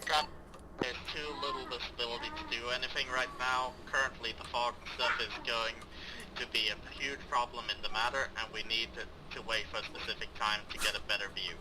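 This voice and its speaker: A man's voice: mid-range voice, steady tone, fairly quick. Man on a noisy helmet radio. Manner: terse, procedural radio talk. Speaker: squad leader reporting to command. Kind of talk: military radio reports in a tactical game.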